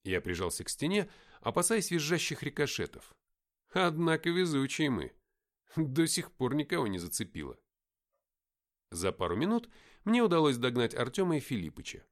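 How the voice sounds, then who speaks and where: A man reading a first-person audiobook in a lively, expressive way. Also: medium pitch, moderate pace. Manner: lively, expressive reading with loud acted dialogue. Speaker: audiobook narrator.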